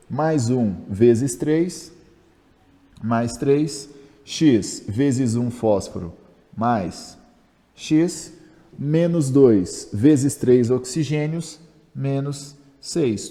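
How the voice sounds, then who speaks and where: A warm, somewhat high male voice with a Brazilian Portuguese accent rings through a large hall. The Brazilian man is teaching chemistry in a chatty, step-by-step video lesson, asking and answering his own questions while making jokes about himself.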